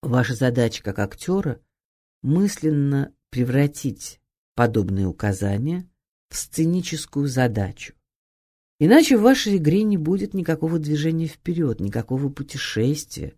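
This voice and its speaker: A woman giving an expressive, emphatic scripted narration of an acting guide, read as an audiobook. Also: sits low, moderate pace, breathy edge. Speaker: audiobook reader.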